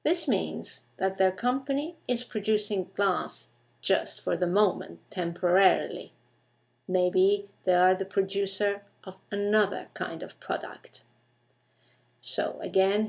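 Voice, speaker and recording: A woman teaching English grammar in a recorded lesson, speaking clearly and deliberately and putting questions to the listener. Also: fairly low pitch, darkish tone.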